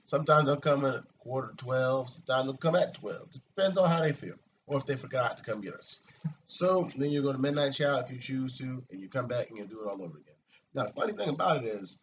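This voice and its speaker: A mid-pitched man talks fast in a long, casual chat, a soldier vlogger griping about his army routine with frequent swearing. His manner is animated and rambling. Light hiss and a muffled, distant mic mark the recording.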